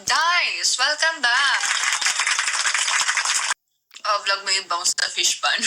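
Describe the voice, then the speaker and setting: Giggly young woman chatting on a livestream. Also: medium pitch. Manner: giggly and chatty, greets viewers by name. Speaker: livestreamer greeting viewers. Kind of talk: casual live-stream chat. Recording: loud background noise with clicks.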